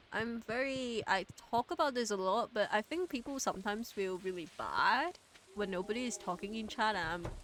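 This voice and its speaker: A woman's voice: medium pitch, a bit bright, a little hiss or hum. A woman chatting casually on a game livestream as the streamer, rambling with lots of fillers, trailing off and restarting as she talks to chat.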